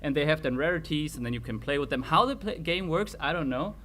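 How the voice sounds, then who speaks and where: A man with a German accent co-hosting a casual livestream, thinking aloud in halting phrases and laughing often. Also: on the high side, fairly bright tone, a little hiss or hum. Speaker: co-host picking giveaway winners.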